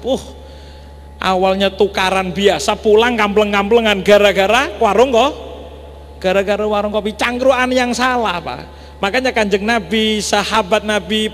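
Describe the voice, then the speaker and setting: A man with an East Javanese accent preaching a storytelling sermon in a large mosque, lively and joking, often addressing the audience directly. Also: high voice. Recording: echoey mosque hall, faint hum.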